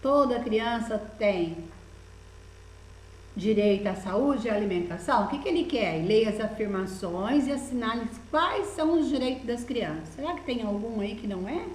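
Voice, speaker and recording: A woman's voice: fairly high pitch, expressive, moderate pace, darkish tone, reverberant, slight background noise, poor audio. A Brazilian woman teaching primary school children in a recorded lesson, patiently coaxing them with many questions as she walks through a workbook. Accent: Brazilian Portuguese.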